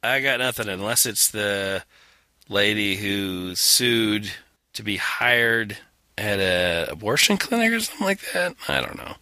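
A man's voice: lowish voice, big pitch swings, measured pace, pushed and bright, dry recording. A man co-hosting a casual political chat, sarcastic and profane. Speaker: podcast co-host.

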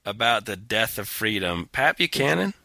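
A man's voice: fairly low pitch, sing-song, normal speed, gravelly, bright, forceful tone, no room sound. A man co-hosting a casual political chat, sarcastic and profane. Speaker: podcast co-host.

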